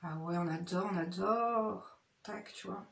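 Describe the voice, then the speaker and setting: Her voice is lowish, creaky and a bit bright, and she takes her time. This woman beauty vlogger chats casually while doing her makeup, speaking straight to viewers in slangy, familiar terms with frequent "hein" tags, in a roomy, echoey indoor space.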